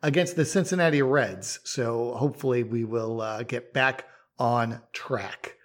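A man hosting a podcast, talking casually in a relaxed, rambling way with fillers and restarts. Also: medium pitch, unhurried. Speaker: podcast host.

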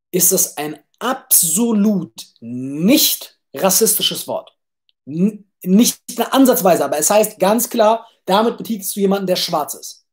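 Brash, rambling man hosting a podcast. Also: sits high. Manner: brash and blunt, swears, many restarts and repeated words. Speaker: podcast host. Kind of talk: casual rambling solo podcast talk.

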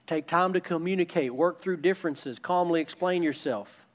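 A middle-aged man preaching a sermon as a pastor, giving earnest, plain-spoken counsel with quick asides. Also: fairly high pitch.

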